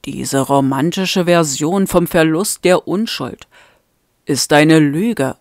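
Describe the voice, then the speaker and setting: A woman reading a fan-made audiobook, voicing a gruff, blunt male vampire lover in a lowered, curt, measured voice. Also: darkish tone, no echo, studio quality.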